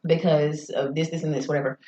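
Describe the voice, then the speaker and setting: Low-voiced woman in a roomy room. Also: fairly even intonation, a little fast, mellow, slight background noise. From Arkansas, US. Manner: reflective, rambling talk. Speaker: podcast guest, photographer. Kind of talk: casual chat. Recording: roomy, slightly muffled podcast audio.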